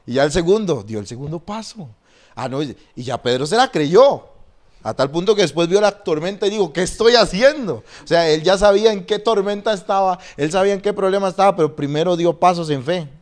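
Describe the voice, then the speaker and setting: Pastor, lively storyteller. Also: male voice, high voice, brisk. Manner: lively, restarts sentences often, acts out quoted voices. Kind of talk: animated storytelling and preaching in a podcast conversation.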